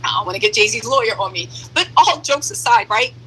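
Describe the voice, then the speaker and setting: A woman's live-stream commentary played back sped up, so she sounds like a chipmunk, blunt and joking with quick asides. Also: animated, pushed and bright, breathy edge, poor audio. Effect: sped-up playback, chipmunk-like high voice.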